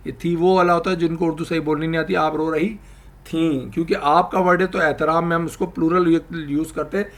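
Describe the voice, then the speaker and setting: A man teaching English grammar, explaining slowly and repeating example sentences. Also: a little high, level tone. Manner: addresses viewers, asks them to try. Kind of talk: spoken language lesson.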